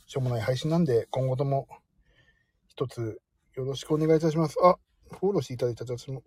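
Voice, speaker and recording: A man's voice: mid-range voice, fast, a little mellow, breathy edge, dry recording. A man hosting a casual live stream from his parked car, chatting in a self-deprecating way and reading out listener comments. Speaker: livestream host.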